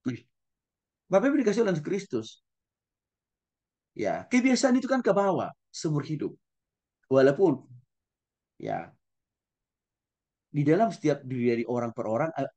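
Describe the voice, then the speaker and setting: A male pastor giving a conversational lecture, speaking gently and often turning to address his listeners directly. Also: on the high side. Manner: soft-spoken, gentle. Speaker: pastor and teacher. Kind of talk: conversational Bible-school lecture.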